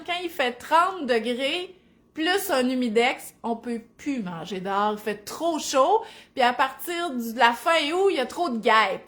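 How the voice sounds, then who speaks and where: A woman in her thirties with a Saguenay Quebec French accent, chatting casually to viewers, laughing easily and filling pauses. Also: high voice. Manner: chatty, warm-hearted, laughs easily, many fillers. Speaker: family lifestyle vlogger.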